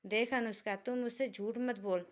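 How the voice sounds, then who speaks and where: A woman voicing an excitable, scolding young woman friend in a spoken story. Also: fairly high pitch, normal speed, close to an everyday voice. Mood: excited, scolding. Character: irritable young wife's friend, dramatic woman.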